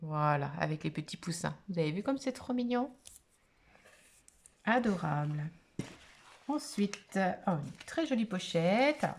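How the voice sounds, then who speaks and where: A woman's voice: lowish voice, very animated, a little slow, pauses often. Gushing woman chatting over a mail unboxing. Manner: gushing, exclamatory, full of little fillers. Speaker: craft mail vlogger. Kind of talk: casual unboxing chat to camera.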